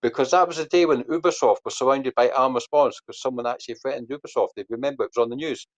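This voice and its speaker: Fast and medium-pitched, the guest on this podcast rambles through an extended anecdote, restarting often and leaning on fillers. Then he quizzes the hosts, and the lo-fi recording comes across dull.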